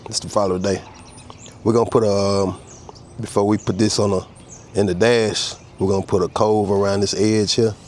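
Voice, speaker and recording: A low-voiced man with a head cold restores custom cars and is demonstrating a repair in an outdoor workshop, narrating each step casually as he works and explaining every tool. His delivery is flat and his tone darkish, at normal speed, with a little hiss or hum on the recording.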